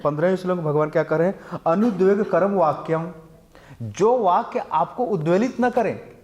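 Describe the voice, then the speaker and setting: This man's voice is high and slightly mellow, with lively intonation, as he lectures a temple class on scripture. He chants Sanskrit verses slowly and unpacks them in Hindi sprinkled with English, tossing out rhetorical questions.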